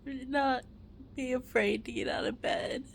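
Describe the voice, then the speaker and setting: Woman, high voice, snotty crying, slow halting delivery of an emotional confessional vlog, with some background noise. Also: steady tone, creaky. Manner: halting, broken phrases with long pauses. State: crying, tearful, snotty sobbing voice. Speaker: mother sharing a personal testimony.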